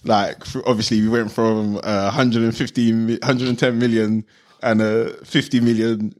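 A man's voice: on the low side, moderate pace. A man co-hosting a football podcast, chatting casually, laughing often and calling his friends "bro". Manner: animated, laughs a lot, says "bro". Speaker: podcast co-host.

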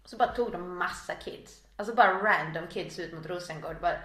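Brief: woman guest, lively storyteller, echoey room. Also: lowish voice. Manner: lively storyteller, quotes people with slang. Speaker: podcast guest. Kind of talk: casual chat, anecdotes. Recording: roomy echo.

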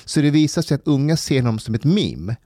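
A man's voice: mid-range voice, no echo, clean studio sound. A man on a podcast, chatting casually and acting out the people he describes as he tells a story. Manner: animated storyteller, acts out quotes. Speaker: podcast host. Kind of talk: casual chat.

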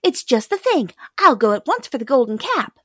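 Woman voicing an earnest high-pitched little girl. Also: sing-song, normal speed, fairly bright tone, no echo, studio quality, heavily acted. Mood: joyful eagerness. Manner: eager, polite, exclamatory. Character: earnest, sweet young girl longing for home. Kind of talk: storybook character reading.

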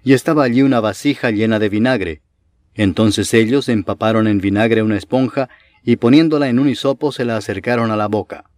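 A man reading scripture aloud in a measured, solemn way, slowing on key phrases. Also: fairly low pitch, a little mellow, dry recording, studio quality. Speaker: Bible reader.

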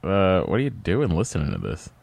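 Male co-host, low animated voice, casual joking banter, close dry recording. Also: a little fast, vocal fry, dry recording. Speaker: podcast co-host. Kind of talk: casual comic chat.

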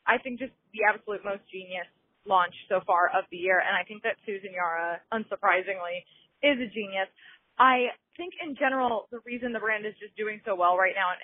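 A woman's voice: mid-range voice, no room sound. A woman leaving an enthusiastic, chatty voicemail over a phone line, full of "like" and "you know". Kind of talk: casual gushing voicemail. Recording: tinny, dry phone line.

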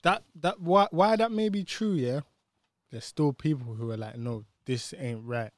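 A man's voice: on the high side, unhurried, dry recording. A man with a British urban roadman accent, chatting casually in street slang and arguing his point emphatically. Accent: British urban street (roadman) English. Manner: emphatic, argumentative, repeats tag questions.

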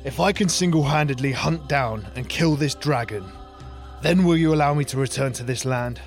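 A man's voice: medium pitch, moderate pace, soft background music, natural voice. A man voicing a bold, banished male warrior in a folklore storytelling podcast, speaking firmly and with determination. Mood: resolute. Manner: firm, determined delivery. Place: makeshift room with echo.

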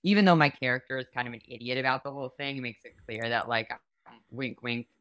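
Young female comedian guest from New York, chatty and giggly, bright tone, close dry recording. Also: rumbling low, quick pace, dry recording. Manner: chatty, giggly, lots of fillers and self-interruptions. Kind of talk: casual interview chat.

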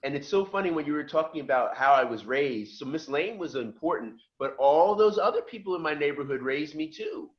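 Fairly quick and with few pauses, a man with a fairly high voice shares his life story in casual podcast chat. He's middle-aged, from just outside Philadelphia, and a lively storyteller who acts out the quoted voices. The audio is lo-fi.

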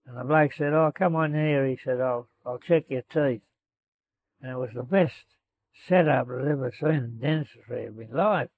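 A man's voice: medium pitch, normal speed, darkish tone, low-quality recording. An elderly Australian man, a war veteran remembering in an oral history interview, telling his story colloquially and voicing the dialogue. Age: 80s or older. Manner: colloquial, acting out quoted dialogue.

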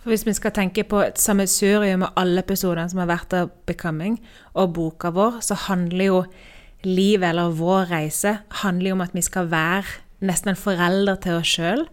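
A woman from Norway co-hosting a podcast, telling personal stories in a candid, animated way. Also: lowish voice. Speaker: podcast co-host. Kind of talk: casual podcast conversation.

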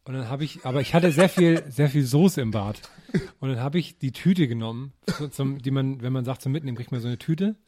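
A man co-hosting a podcast, telling animated anecdotes in casual chat. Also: medium pitch, a little fast, no room sound. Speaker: podcast co-host.

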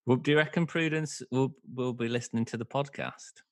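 A man's voice: mid-range voice, a little fast, dry recording, clean studio sound. A man with a Bradford accent, chatting casually as a podcast host. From Bradford, England. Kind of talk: casual podcast interview chat.

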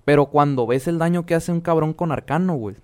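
A man's voice: a little high, quick pace. A young man with a northern Mexican accent co-hosting a casual video game chat, slangy and full of swearing. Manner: slangy, profane. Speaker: podcast co-host.

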